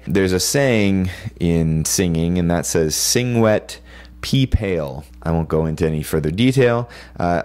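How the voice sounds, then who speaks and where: A man with a very low voice gives a lecture on caring for the voice. He talks through practical tips in a plain, steady teaching manner, with plenty of "uh" and "um" along the way. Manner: plain, practical advice with frequent fillers. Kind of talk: recorded lecture for students.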